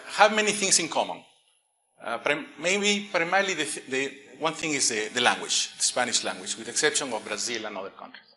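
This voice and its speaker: Speaking at a conference about engineering, this middle-aged man from Peru has a medium-pitched, sharp-toned voice. His delivery is halting and full of fillers and restarts, though he throws in a light joke.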